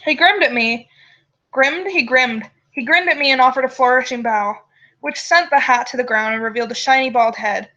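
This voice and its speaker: A woman's voice: sits high, moderate pace, sharp tone. A woman storyteller reading a first-person tale aloud on a dull, lo-fi microphone. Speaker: storyteller and show host.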